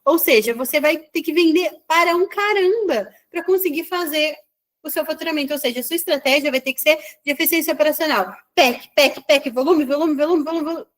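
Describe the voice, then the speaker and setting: A woman business mentor with a Brazilian Portuguese accent, giving an online mentoring session in a chatty, animated style full of quick asides. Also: high voice.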